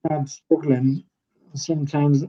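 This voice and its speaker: An older man with a Yorkshire accent talks very slowly and patiently, reading out build instructions one step at a time. His voice sits a little high. The video call audio is dull and lo-fi. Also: level tone, warm tone. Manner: slow, patient, reads instructions aloud step by step. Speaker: model-building guide.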